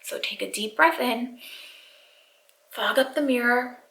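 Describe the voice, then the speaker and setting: A woman's voice: a little high, measured pace, creaky, fairly bright tone, echoey room, rough recording. A woman yoga instructor giving step-by-step guided breathing cues straight to the viewer. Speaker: yoga instructor, channel host.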